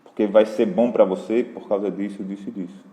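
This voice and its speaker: Warm-voiced Brazilian man in an echoey hall. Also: on the low side, fairly quick. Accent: Brazilian Portuguese. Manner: relaxed and conversational, addresses viewers directly. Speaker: parenting educator hosting a live Q&A. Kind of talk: casual live Q&A talk. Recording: roomy hall echo.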